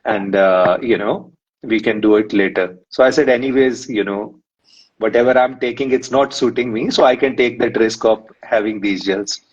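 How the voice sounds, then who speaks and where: A man from India, a runner and psychologist appearing as a guest on a live-stream interview, tells his story in a rambling way, using lots of fillers. His voice is lowish and slightly rough, at a normal speed, and the stream audio sounds muffled and lo-fi.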